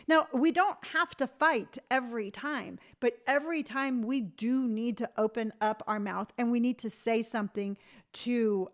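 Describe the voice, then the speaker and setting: Woman, late 50s, live-stream host; slightly high, emphatic and animated, close phone mic. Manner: emphatic, animated storytelling, reads viewer comments aloud. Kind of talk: casual live-stream chat.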